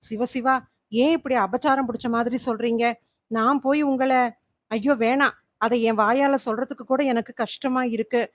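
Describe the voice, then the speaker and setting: A woman storyteller reading a bewildered, fearful housewife in a horror tale, in a fairly high, dry, close voice. She sounds troubled and lost. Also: steady tone, normal speed, no room sound, close to an everyday voice. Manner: confused, fearful.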